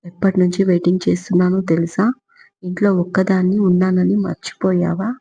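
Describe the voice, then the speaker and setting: A woman's voice: fairly low pitch, little pitch movement, fairly quick, creaky, warm tone, husky. A woman voicing a bold, cheeky young wife who talks back sassily, on a dull lo-fi recording. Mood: complaining. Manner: sassy, mixes English words.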